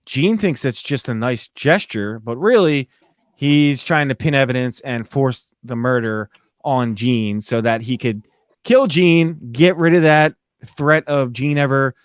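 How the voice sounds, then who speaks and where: A man's voice: mid-range voice, unhurried, clean tone, dry recording, clean studio sound. A young man hosting a podcast, casually and animatedly recapping a TV episode and acting out lines. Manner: animated, recaps plot with quoted voices. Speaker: podcast host. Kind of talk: casual podcast review chat.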